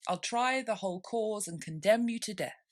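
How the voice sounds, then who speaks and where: A woman's voice: mid-range voice, normal speed, pitched above the performer's own voice, natural voice. A woman voicing a cunning, bullying male dog in a storybook rhyme, with a domineering manner.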